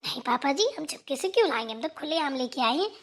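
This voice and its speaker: A woman voicing a polite, gentle young daughter-in-law in a cartoon. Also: high voice, animated, fast. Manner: respectful, gentle. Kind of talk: cartoon voice acting.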